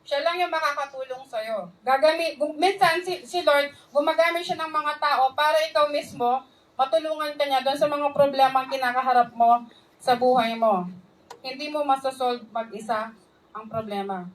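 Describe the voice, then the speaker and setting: A woman's voice: high-pitched, moderate pace, distant mic, poor audio. Woman, sermon, earnest, call-and-response, mic set back. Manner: earnest, mixing English phrases, asks the crowd for responses. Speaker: preacher.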